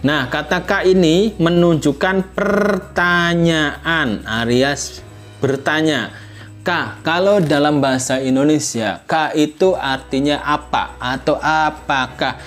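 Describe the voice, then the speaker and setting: A man's voice: fairly high pitch, slow pace, fairly bright tone, soft background music. A man teaching a language lesson, patient and repetitive, who often checks in with listeners and models example sentences with an exaggerated rise at the end. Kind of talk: explanatory lesson.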